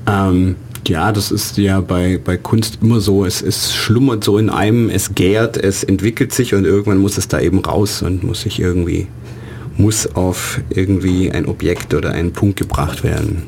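Low-voiced man, rambling with fillers. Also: steady tone, moderate pace, vocal fry, darkish tone, slight background noise. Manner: rambling, many "ähm" fillers and restarts. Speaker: artist and exhibition organizer, interview guest. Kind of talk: radio interview answers.

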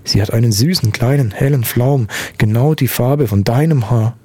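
Young father, soft and fussing, husky voice, man playing him. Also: mid-range voice, normal speed, dry recording, natural voice. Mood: affectionate. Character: young eager new father.

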